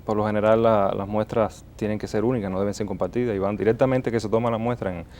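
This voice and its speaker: A man's voice: on the low side, steady tone, fast talker, a little mellow, slight background noise. A man with a Cuban accent, a molecular biologist explaining as a guest, with frequent hesitant fillers. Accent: Cuban Spanish. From Cuba. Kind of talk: interview answers.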